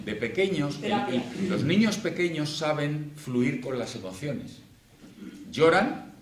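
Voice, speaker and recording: A middle-aged man gives a lively conference talk as a financial coach, voice pitched in the middle range. He keeps it chatty and acts out quoted lines. The sound is roomy and echoey with a faint hum of noise underneath. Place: conference room.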